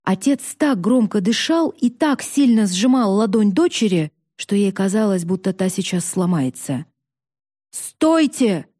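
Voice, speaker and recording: Woman reading a fairy tale aloud, mellow and a bit high, dry close sound. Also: moderate pace, few pauses, no echo. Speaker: storybook narrator. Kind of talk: expressive fantasy audiobook reading.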